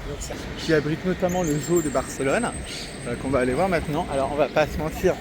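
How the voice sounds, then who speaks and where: A man's voice: a little high, fast. A French man chatting enthusiastically while walking and filming himself outdoors in a city, mocking himself and using many fillers. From France. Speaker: travel vlogger. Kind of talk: casual walking vlog. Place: outdoors in a city, street and seafront. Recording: outdoor street noise. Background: city traffic and wind.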